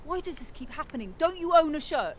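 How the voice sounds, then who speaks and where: A woman playing a forceful young space heroine in a video game, with bad, unconvincing acting. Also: high-pitched, very animated, fairly quick, a little hiss or hum. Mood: indignant. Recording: game dialogue over loud music.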